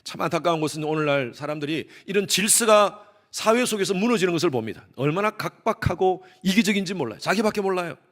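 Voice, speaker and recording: A middle-aged man preaching a Sunday sermon as pastor, emphatic, swinging between loud stresses and hushed asides, acting out quoted speech. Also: sits high, lively intonation, fast talker, few pauses. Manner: acts out quoted speech in voices. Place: church sanctuary.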